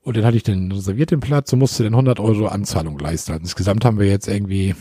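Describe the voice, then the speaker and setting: Podcast co-host, man, rambling storyteller, dark voice, fast. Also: on the low side, husky, no echo, clean studio sound. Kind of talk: casual storytelling chat.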